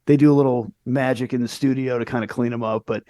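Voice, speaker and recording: American man, middle-aged, relaxed podcast chat, mid voice, dry sound. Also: mid-range voice, fast talker, no echo. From United States. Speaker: podcast co-host. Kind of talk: casual chat.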